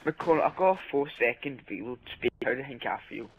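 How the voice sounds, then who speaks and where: A man's voice: medium pitch, lively intonation, fast, dull audio. Man chatting over game, faint hiss. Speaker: gamer. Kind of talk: casual gaming chat.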